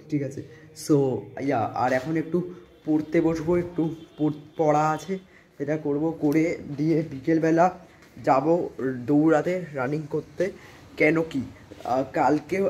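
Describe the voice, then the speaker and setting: Teenage boy, hoarse from a cold, casual vlog chat, phone mic, faint room hum. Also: on the high side, darkish tone. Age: teens. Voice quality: rambling, many fillers and English words. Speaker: vlogger. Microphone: phone camera.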